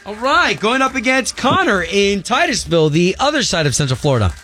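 An American man hosting a morning radio show with excitable, lively banter. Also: sits high, fairly quick, music in the background. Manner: excitable, with whoops. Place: radio studio.

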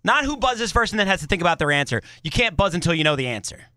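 This is a man hosting a casual trivia podcast, talkative and playful as he runs the game. His voice is bright and his pitch swings freely. He sounds close and dry, with a little music in the background. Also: big pitch swings, fast, no echo. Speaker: podcast host. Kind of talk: casual game-show banter.

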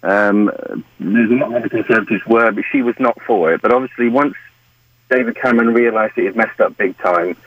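Over a muffled, dry phone handset on a crackly line that drops in and out, a British caller chats with a phone-in show. He talks briskly in a lowish voice yet hesitantly, with frequent restarts and a habit of saying "like I say."

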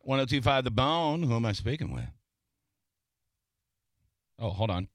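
A man's voice: mid-range voice, animated, unhurried, no room sound. A man hosting a radio show, chatting and joking offhand with callers and his co-host. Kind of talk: morning radio banter. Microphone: studio microphone.

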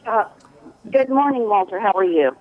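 A woman calling in to a radio show on a speakerphone, talking in a halting, hesitant way. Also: mid-range voice, lively intonation. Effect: speakerphone over a phone line. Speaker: radio caller. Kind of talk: call-in radio question. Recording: tinny phone line.

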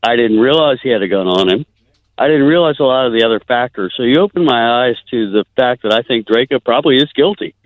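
A man's voice: mid-range voice, expressive, fast, dry recording. Caller guy, laid back, slightly muffled line, dry sound, just chatting. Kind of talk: phone-in comment.

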